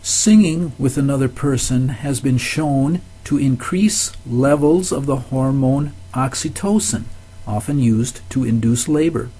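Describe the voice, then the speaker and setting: An older man giving a recorded course lecture, telling anecdotes in a measured, instructive way. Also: mid-range voice, mellow, husky.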